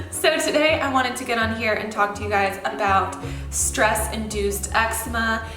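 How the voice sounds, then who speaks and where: A woman vlogger chatting casually and directly to her viewers, recorded indoors with a hallway-like echo. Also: fairly high pitch. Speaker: wellness vlogger. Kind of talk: casual chat to camera. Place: indoors, newly moved-into echoey apartment. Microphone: wireless earbud microphone. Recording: echoey empty-apartment room, hallway-like echo.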